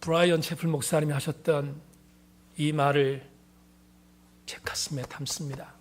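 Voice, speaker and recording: A man's voice: fairly high pitch, level tone, normal speed. A middle-aged male pastor preaching a sermon and giving an earnest, emphatic personal testimony.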